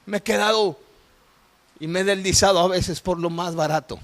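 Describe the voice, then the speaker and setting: A middle-aged man, preaching a sermon testimony and moving between hushed and shouted emotional storytelling. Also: high-pitched, fairly even intonation, normal speed.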